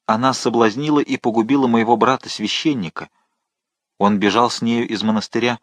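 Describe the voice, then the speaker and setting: A man's voice: mid-range voice, steady tone, brisk, no room sound, lightly acted. A man voicing a dying, remorseful executioner who moans and begs for absolution. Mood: pleading. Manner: pleading, moaning.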